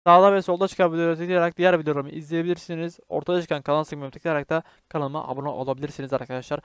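Young man, gaming commentary, high voice, smooth and clear, excitable, swears a lot. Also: very fast, no room sound. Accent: Turkish. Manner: excitable, swearing, jokey banter with teammates. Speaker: gaming YouTuber. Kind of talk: casual gameplay commentary.

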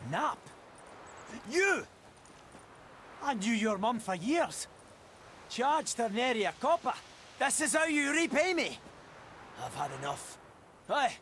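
A gruff, lively village blacksmith. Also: male voice, sits high, slow, pauses often, a little hiss or hum, heavily acted. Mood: indignant. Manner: blunt, plain-spoken, lively. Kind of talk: video game voice acting.

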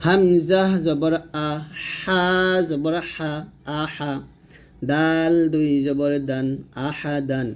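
A man with a Bangladeshi Bengali accent and a fairly high voice, teaching a recitation lesson. He talks briskly, naming each letter and mark before sounding it out. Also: level tone, clean tone. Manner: brisk, spells letters then sounds them out. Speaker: Quran reading teacher.

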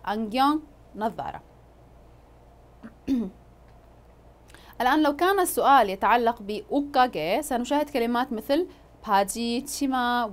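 A woman teaching a language lesson, explaining words patiently and pausing often with drawn-out fillers. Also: medium pitch.

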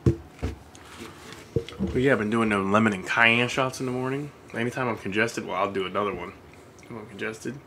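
With a lowish, bright and forceful voice, a thirty-something co-host speaks at a moderate pace broken by long pauses. He's sampling hot sauces on a live stream in a small studio, laughing and joking crudely into a studio mic on a desk stand, and the audio is noisy.

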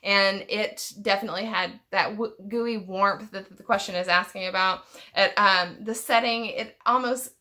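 In a home room crammed with books, a thirties book vlogger chats through an unscripted book tag at a moderate pace. Her mid-range voice is steady in tone, pushed and bright. Her talk is thoughtful and meandering, full of restarted sentences.

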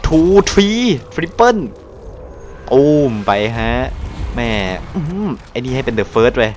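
A young man from Thailand giving casual live commentary over his gameplay, excitable and loose, swearing and exclaiming at the action. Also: on the high side, drawn-out words, slight background noise. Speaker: gaming channel host.

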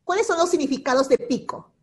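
A woman's voice: sits high, animated, fast talker, a little mellow. A woman teacher giving an online lesson on a video call, patiently repeating key points and checking in constantly with her students. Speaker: secondary school teacher. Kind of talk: online class explanation.

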